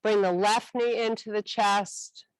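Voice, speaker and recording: A woman instructor guiding a stretching class with calm, encouraging cues. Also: medium pitch, clean tone, no room sound, rough recording. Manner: calm, encouraging cueing with a slow, unhurried delivery.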